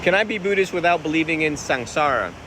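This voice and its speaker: A man from Vietnam, a Buddhist monk, answering viewers' questions in a relaxed, conversational way outdoors by the ocean, recorded on a phone. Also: on the high side, quick pace. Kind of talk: casual outdoor Q&A talk. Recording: phone recording with wind and surf noise. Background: ocean waves and wind.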